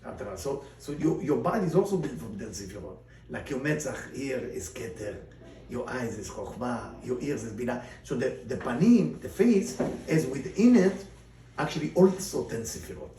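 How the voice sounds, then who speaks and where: A man teaching a Torah and Kabbalah class as a rabbi, speaking animated English with non-native grammar and Hebrew terms mixed in. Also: mid-range voice, moderate pace. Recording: roomy, distant mic, faint background noise.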